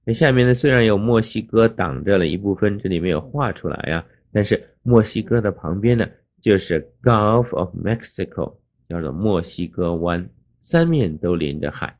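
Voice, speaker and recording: A man's voice: lowish voice, lively intonation, a little mellow. An older man teaching in a patient lecture, naming places and repeating the English words with care. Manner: explains slowly, spells out English place names. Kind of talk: classroom lecture over a map. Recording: dull lo-fi recording.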